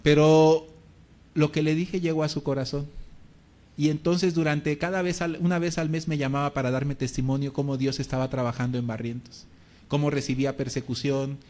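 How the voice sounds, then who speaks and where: A man with a Mexican accent, a pastor preaching and telling a testimony story in lively, colloquial speech. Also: fairly high pitch. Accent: Mexican Spanish.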